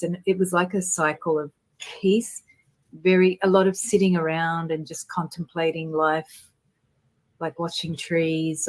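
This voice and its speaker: A woman with a lowish voice speaks as a guest in a casual spiritual chat. She tells her stories earnestly and with animation. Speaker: guest intuitive.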